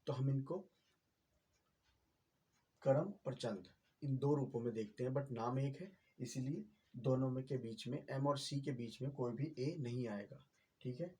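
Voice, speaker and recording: A man's voice: medium pitch, dark tone, husky. A man, patiently explaining a writing lesson as a teacher, with many fillers and repeated checks.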